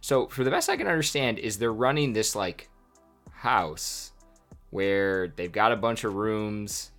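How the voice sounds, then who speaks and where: A man's voice: lowish voice, animated, measured pace, a bit bright, faint music behind. A man hosting a podcast, casually telling a history story with chatty, wry asides. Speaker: podcast host.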